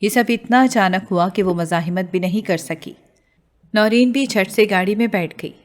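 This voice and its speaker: A woman narrating a romance novel in a steady, expressive reading voice. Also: medium pitch. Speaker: audiobook narrator. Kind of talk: storybook narration.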